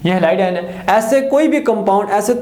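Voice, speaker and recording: A man's voice: sits high, expressive, moderate pace, a little mellow. A male chemistry teacher, lecturing students by posing questions, answering them himself and repeating key terms. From Pakistan. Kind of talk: classroom lecture. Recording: echoey room.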